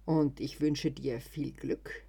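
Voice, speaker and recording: A storyteller voicing a clingy, mocking old woman with a croaking voice, in a read-aloud story. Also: mid-range voice, flat delivery, slow pace, mellow, exaggerated voice. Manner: sighing, then sneering.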